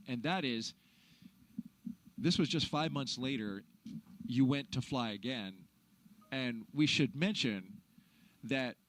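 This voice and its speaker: A man's voice: medium pitch, dry recording, rough recording. A man hosting live space launch commentary and interviewing a guest. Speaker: broadcast host and commentator. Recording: faint background noise.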